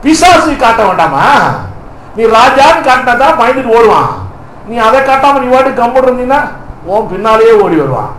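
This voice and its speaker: A man's voice: very high-pitched, sing-song, a little fast, fairly bright tone, slight background noise. A male pastor preaching a fervent sermon, firing rhetorical questions at the congregation and punctuating with hallelujah and amen. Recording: echoey hall.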